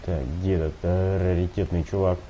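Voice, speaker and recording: Sarcastic low-voiced streamer. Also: male voice, flat delivery, a little fast, dark tone, muffled recording, a little hiss or hum. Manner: dry, sarcastic asides. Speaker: gameplay streamer. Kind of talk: casual game commentary.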